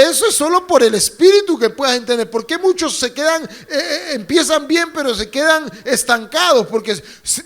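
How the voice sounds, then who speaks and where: Preaching in church, this man has a very high voice with a sharp tone. His sermon is fervent, full of phrases the congregation echoes back and humorous asides.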